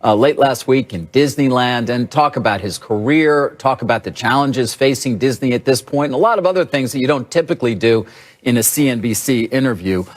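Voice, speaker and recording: A man giving an unscripted broadcast report as a business reporter, halting clause by clause. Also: mid-range voice.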